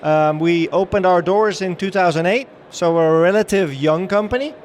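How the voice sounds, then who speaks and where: On a trade-show floor, a middle-aged Dutchman with a Dutch accent gives an upbeat, chatty talk to a live audience. His voice sits high at a moderate pace, full of fillers and restarts.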